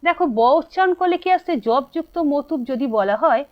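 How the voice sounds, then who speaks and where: Lively in intonation and fairly quick, this high-pitched woman speaks with a Bengali accent. During her grammar lesson she poses questions to the students and supplies the answers herself, recorded with dull, lo-fi sound.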